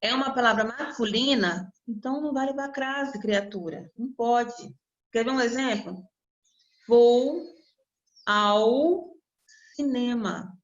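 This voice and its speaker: A woman's voice: a little high, normal speed, a bit bright, highs cut off. A woman with a Brazilian Portuguese accent, teaching an online grammar lesson and checking in with her students after each point. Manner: explanatory, repeats "tá?" and "né?" to check in with students. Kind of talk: online class lecture.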